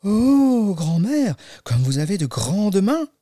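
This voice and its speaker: A man voicing a polite, innocent little girl in a storybook, high and light, with wide-eyed exclamations. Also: lively intonation, moderate pace, mellow, dry recording, clean studio sound. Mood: wondering.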